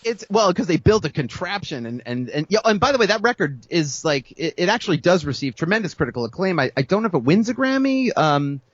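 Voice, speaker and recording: Man, podcast co-host, animated storyteller, slightly high voice, dull lo-fi sound. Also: fast, few pauses, dry recording. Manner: animated, acts out quoted voices, laughs often. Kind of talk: casual storytelling about music history.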